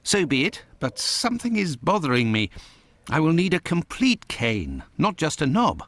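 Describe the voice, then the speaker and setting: An actor playing a courteous, proper Victorian gentleman doctor in a video game, questioning formally and politely. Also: on the high side, huge pitch swings, normal speed, exaggerated voice. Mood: inquiring.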